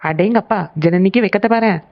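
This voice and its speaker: A woman's voice: mid-range voice, a little fast, slight background noise, close to an everyday voice. A woman voicing a cheerful, teasing young female relative in a cartoon. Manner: teasing, lively. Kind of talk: cartoon voice acting. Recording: slightly dull sound.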